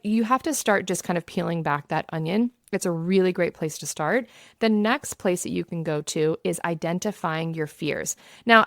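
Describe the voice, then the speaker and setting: A woman in her thirties talks straight to her listeners in a solo podcast. She sounds earnest and encouraging, and her voice sits a little low. The recording is dry and close, with no room sound around her. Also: no room sound. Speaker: podcast host, pregnancy coach.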